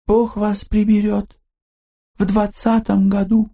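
A man voicing a solemn, tearful young female fortune-teller who speaks slowly in a hushed, otherworldly way. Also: high-pitched, completely flat delivery, creaky, pitched above the performer's own voice, exaggerated voice. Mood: prophetic.

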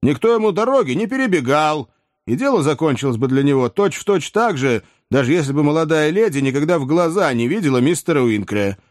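A man's voice: on the high side, very animated, a little fast, no room sound, studio quality, voice pushed up. A man voicing a cheerful plain-spoken young manservant in a story reading, friendly and matter-of-fact. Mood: assured.

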